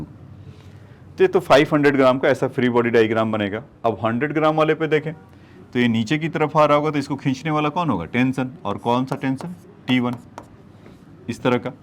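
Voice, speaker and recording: A man's voice: mid-range voice, brisk, slight background noise. A male physics teacher working through problems on a board, explaining each step and addressing his students as children. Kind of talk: whiteboard problem-solving lecture.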